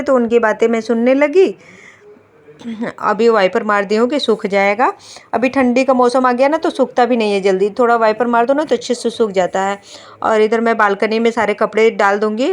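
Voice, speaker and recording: A woman in her thirties narrating her home vlog in a chatty, homely way, talking to viewers as friends. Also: a little high. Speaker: vlogger, homemaker. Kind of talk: casual voice-over home vlog.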